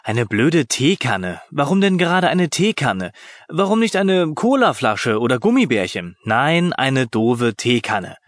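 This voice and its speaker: A man's voice: mid-range voice, big pitch swings, unhurried, no echo, clean studio sound. A man voicing a grumpy, skeptical young boy in a storybook, grumbling and muttering. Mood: sulky.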